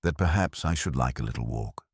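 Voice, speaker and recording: A man voicing a mild, gentle elderly spinster detective who speaks with quiet understatement. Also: rumbling low, lively intonation, fairly quick, creaky, breathy edge, no echo, studio quality, full character voice.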